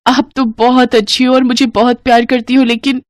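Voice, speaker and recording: A woman's voice: on the high side, little pitch movement, normal speed, dry recording, pitched above the performer's own voice, natural voice. A woman voicing a timid young bride in a storybook, speaking in a pleading, fearful way. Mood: earnest.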